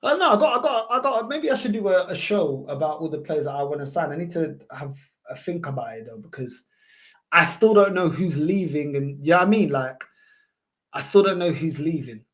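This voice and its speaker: Here the same kind of London football streamer sounds fairly high and bright, animated and fairly quick. He chats casually with viewers, replying to their comments in multicultural London English, the roadman accent of his home city. Expect slang, repetition and punchy emphasis.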